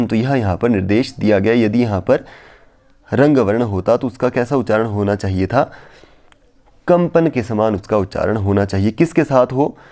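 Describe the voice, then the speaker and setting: Male Sanskrit tutor, warm dark tone, chants verses slowly then explains patiently. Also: medium pitch. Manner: recites verses slowly, then explains in repetitive plain Hindi. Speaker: Sanskrit teacher. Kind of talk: explanatory lesson on phonetics.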